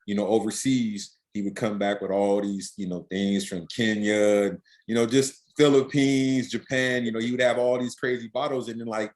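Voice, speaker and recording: Relaxed low-voiced podcast host. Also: male voice, normal speed, hardly any pauses. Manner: relaxed, interviewer asking follow-up questions. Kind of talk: casual chat.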